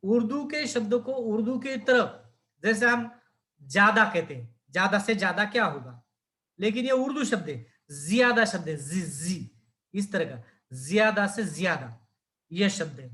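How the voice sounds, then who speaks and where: Man, high voice, lecturing a class on speaking, demonstrates how words sound and quizzes students. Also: animated, a little slow, pushed and bright. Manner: asks students questions and models pronunciations. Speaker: teacher.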